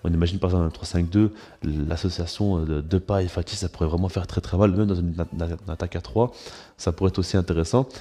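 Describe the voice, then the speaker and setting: A man's voice: low-pitched, mellow. A man with a congested, blocked-nose sound gives informal, opinionated football commentary as a channel host, repeating words for emphasis.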